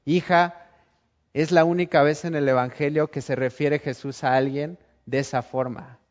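A male preacher delivers a sermon, bringing scenes to life as he tells them. His voice sits a little high. The recording is dull and lo-fi. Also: moderate pace. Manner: animated storytelling, acts out scenes.

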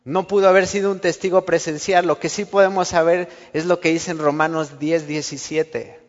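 A man's voice: fairly high pitch, steady tone, normal speed. A man preaches a sermon. He keeps it conversational and acts out little everyday exchanges. The sound is muffled and carries a long church-hall reverb. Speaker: pastor.

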